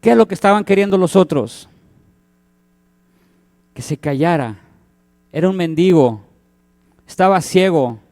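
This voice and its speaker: High-voiced man preaching a dramatic sermon. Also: lively intonation, a little slow, long pauses, darkish tone. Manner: dramatic preaching, acts out cries and quoted voices. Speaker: pastor.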